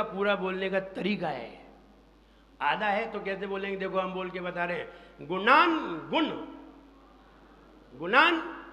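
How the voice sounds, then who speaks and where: A man teaching a congregation how to pronounce a verse, drilling each sound slowly and chanting the lines for them to repeat. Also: sits high, fairly bright tone. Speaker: monk teaching recitation. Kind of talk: pronunciation lesson within a sermon. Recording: echoey hall with faint ambience.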